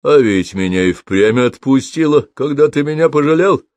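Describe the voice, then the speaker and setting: A man voicing a sick older peasant man in a hospital bed, gruff but kindly and coaxing. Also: mid-range voice, animated, normal speed, a little mellow, no echo, voice pushed up, close to an everyday voice.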